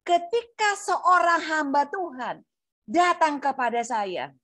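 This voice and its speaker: High-voiced woman telling a testimony. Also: lively intonation, slow pace, fairly bright tone, dry recording. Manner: storytelling, acting out both sides of dialogue; addresses audience directly, asks rhetorical questions. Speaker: speaker at a church leadership event. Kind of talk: testimony sermon.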